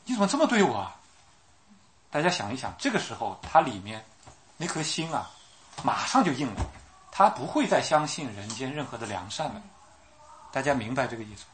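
A man preaches a sermon in a mid-range, fairly bright voice, with a little hiss or hum in the recording. He repeatedly questions his listeners, repeats himself, and acts out the voices of people he quotes.

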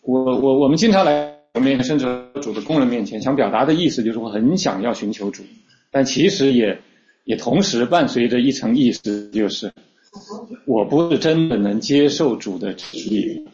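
Guy preaching a sermon, chatty teaching tone, lots of fillers, middle pitch, kinda muffled lo-fi audio. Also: animated, normal speed, a little mellow, faint music behind. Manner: conversational teaching, frequent fillers and repeated starts. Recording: slightly dull lo-fi recording.

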